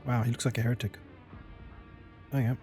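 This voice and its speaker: A man's voice: medium pitch, little pitch movement, warm tone, faint music behind. A man hosting a let's play, reading the game's dialogue and narration aloud and commenting casually, sometimes stopping to correct himself. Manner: casual, self-correcting, reads aloud with deliberate pacing. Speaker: gaming channel host.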